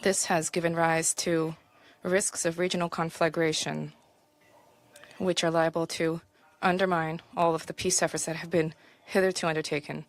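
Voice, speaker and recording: A woman giving a translation voice-over of a formal speech, interpreting in measured, halting phrases. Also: low-pitched, little pitch movement. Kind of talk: simultaneous interpretation of a formal address.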